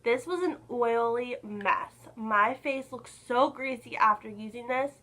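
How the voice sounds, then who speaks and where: A young woman vlogger chatting casually to camera about makeup, a little hoarse from being sick, filling her talk with "like.". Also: on the high side, a little slow, pushed and bright, poor audio. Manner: chatty, lots of "like" fillers. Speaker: beauty vlogger.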